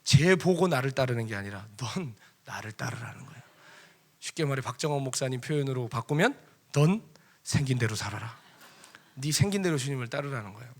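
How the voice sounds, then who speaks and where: A middle-aged man preaching a sermon in a church, telling a personal story with animated, acted-out quoted arguments. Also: medium pitch, fairly quick. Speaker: pastor.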